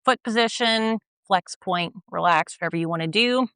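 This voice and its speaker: Woman stretch instructor, bright voice, dry close sound, gentle, a bit breathless. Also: medium pitch, moderate pace, smooth, no echo. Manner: gentle, patient, checks in with "all right?". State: slightly out of breath while stretching. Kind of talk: guided exercise instruction.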